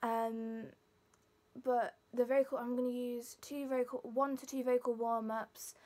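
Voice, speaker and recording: A woman's voice: on the high side, flat delivery, unhurried, a little mellow. A young woman with a Leicester accent informally explaining exercises to camera as a student. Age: young adult. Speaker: singing student demonstrating vocal warm-ups.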